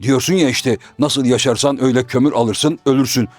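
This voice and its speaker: A man voicing a simple-minded male shadow-puppet jester who stammers, mishears words and is slow to understand, in a traditional puppet comedy. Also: a little mellow, faint music behind, close to an everyday voice. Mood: confused. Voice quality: low, mumbling and stammering.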